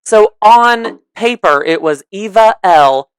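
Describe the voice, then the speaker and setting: A woman hosting a casual podcast, chatty and joking, reminiscing with quick asides. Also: mid-range voice, expressive, clear, resonant tone, no echo, studio quality. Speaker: podcast host. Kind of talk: casual chat. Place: home.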